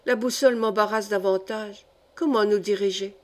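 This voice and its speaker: A woman's voice: medium pitch, fairly even intonation, moderate pace, a little mellow, lightly acted. A woman reading the lines of a frightened male polar geologist in an audiobook, murmuring anxiously. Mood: worried. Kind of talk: audiobook character voice.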